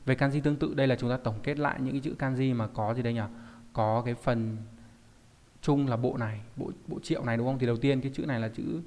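A Japanese teacher gives a recorded online kanji lesson, explaining things step by step and frequently asking rhetorical check-in questions. His medium-pitched voice is fairly even in intonation, fast, and a little mellow, and it sounds like a large hall.

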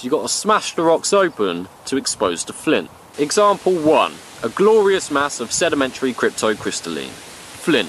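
A man's voice: on the high side, a bit bright, slight background noise. A young man from the UK narrating a bushcraft trip outdoors in a playful, slangy way. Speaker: bushcraft vlogger. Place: outdoors in woods and meadow.

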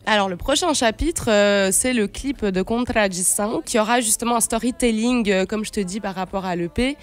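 In a radio studio, a woman in her late 20s, a singer-songwriter from Switzerland who later lived in Brazil as a teen, chats casually as a guest while searching for her words. Her mid-range voice is at normal speed, picked up close on a stand-mounted microphone.

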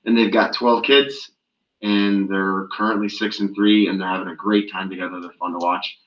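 A man's voice: lowish voice, fairly even intonation, moderate pace, fairly bright tone. A man on a school board enthusiastically thanking staff and coaches. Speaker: board member. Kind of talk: meeting remarks. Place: school library meeting room. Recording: echoey lo-fi meeting room.

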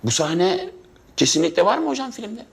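A man's voice: sits high, huge pitch swings, moderate pace, creaky. A man in his forties from Turkey, an actor at an audition in a sitcom, overly polite and stammering with fillers. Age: 40s. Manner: bursts into shouted raging rant. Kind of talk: sitcom acting.

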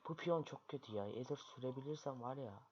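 A man's voice: mid-range voice, brisk. A man commentating his own online chess games, grumbling and muttering in frustration at his opponent. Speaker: chess streamer. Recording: lo-fi, loud background noise.

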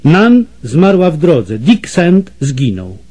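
A man's voice: on the high side, huge pitch swings, takes it slowly, a little mellow, husky, pitched above the performer's own voice, heavily acted. A man voicing a sneering slave trader villain. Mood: sneering, menacing. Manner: sneering and menacing. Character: scheming, mocking Portuguese male slave trader.

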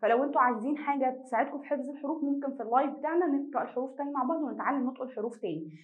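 Woman teacher, Egyptian accent, high voice, fast delivery, asks and answers her own questions. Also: phone-quality sound. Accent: Egyptian Arabic. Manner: repeats each word twice slowly for students. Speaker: Italian language teacher. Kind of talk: online class lesson.

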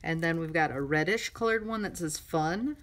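A middle-aged woman crafting vlogger gushing excitedly over a mail swap, chatty and full of fillers. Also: deep voice, moderate pace. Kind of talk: casual unboxing chat. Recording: noisy room with crinkling and clicks.

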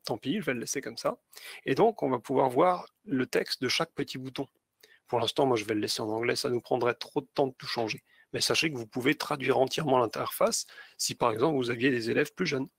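A man walks teachers through a tutorial one step at a time, with fillers between his phrases. His voice is gravelly and a little husky. The sound is dry and close. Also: medium pitch, brisk, a bit bright, dry recording. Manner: explains step by step with many fillers. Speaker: teacher trainer. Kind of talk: screen-share tutorial.

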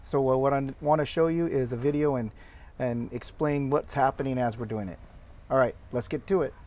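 A man's voice: medium pitch, fairly quick, a little mellow, slight background noise. A middle-aged man giving casual, explanatory voice-over commentary on his own work video, with frequent fillers and restarts. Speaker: tree care worker explaining his video.

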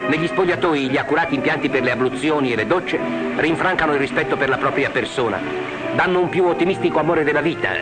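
A man reading scripted 1950s newsreel narration in a formal, declamatory manner. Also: medium pitch. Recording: old film soundtrack with loud music.

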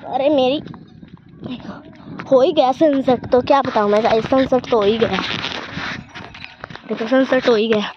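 A woman's voice: sits high, a little slow, long pauses, highs cut off, background noise. A woman vlogging casually outdoors with her phone, chatty and always telling viewers to look. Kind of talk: casual walking vlog. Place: outdoors in a village around home. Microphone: phone held while walking.

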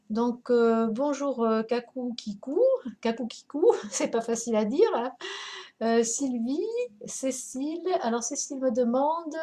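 A woman's voice: on the high side, mellow. A woman hosting a craft live stream, chatting casually, greeting viewers by name with many hesitations.

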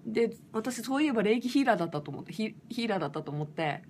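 A woman singer from Fukushima chatting casually and roughly on a late-night livestream, laughing often. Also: fairly high pitch, rapid-fire, slight background noise. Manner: lively, rough casual speech with frequent laughs.

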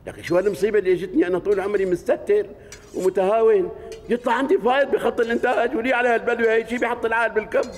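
Brief: whining Syrian suspect, very high and rushed. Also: male voice, fairly even intonation. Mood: pleading. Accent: Syrian Arabic. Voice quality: whining, pleading. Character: panicked man pleading innocence before an official. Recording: reverberant studio set.

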